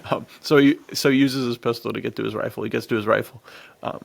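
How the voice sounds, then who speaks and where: A podcast co-host rambles casually and eagerly about action films, chuckling often. His medium-pitched, gravelly voice holds a steady tone at a quick pace, with no room sound.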